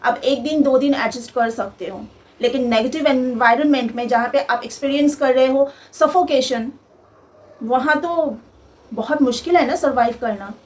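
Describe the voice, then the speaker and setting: A woman's voice: high-pitched, moderate pace. A young woman vlogger telling a personal story in an emphatic, aggrieved way, piling up lists of complaints.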